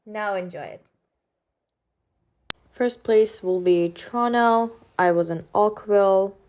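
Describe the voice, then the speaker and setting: A Turkish student vlogger in her twenties narrates a personal vlog earnestly and carefully, with a Turkish accent and a few hesitant fillers. Her mid-range voice moves slowly and sounds a little mellow.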